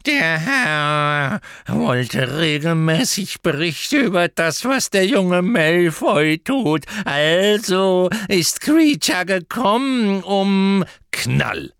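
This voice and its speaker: Brief: a grumbling old elf servant, raised croak, slow and formal, lively swings in pitch, put on by a male reader, dry close sound. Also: dry recording, heavily acted. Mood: sullen. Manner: slow, bowing, sullen formal speech.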